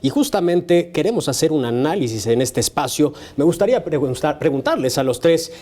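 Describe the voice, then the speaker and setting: A man's voice: on the high side, expressive, a little fast, mellow. A man presenting a current affairs panel show in a formal television style, as its host.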